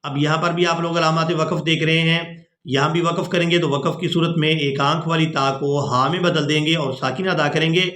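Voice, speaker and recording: A man teaching Quran pronunciation in a lesson, explaining the rules and then chanting the verses slowly. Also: a little high, steady tone, a bit bright, echoey room. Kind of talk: tajweed lesson with chanted recitation.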